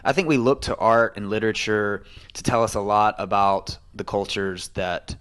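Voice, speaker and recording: A man's voice: on the low side, steady tone, moderate pace, fairly bright tone, smooth. A man co-hosting a podcast, asking probing questions and reflecting in casual chat. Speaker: podcast co-host.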